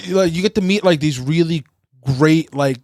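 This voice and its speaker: A man from Maine talks casually as a podcast co-host, rambling and agreeable and often searching for words. His voice sits a little above the usual male pitch. The sound is dry and close. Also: normal speed, a little mellow, dry recording. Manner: rambling, many fillers and restarts, agreeable. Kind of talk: casual chat.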